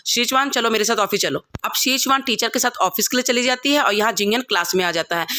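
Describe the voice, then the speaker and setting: A woman's voice: fairly high pitch, bright, forceful tone. A woman narrating a drama recap, retelling each scene and quoting the characters' lines herself. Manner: fast, quoting every character in the same voice. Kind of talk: storytelling recap with quoted dialogue.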